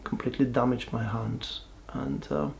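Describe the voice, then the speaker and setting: A man, giving a halting, reflective personal testimony with many pauses and restarts. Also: medium pitch, fairly even intonation, creaky, darkish tone, slight background noise. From Bulgaria. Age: 40s. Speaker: person sharing his life story.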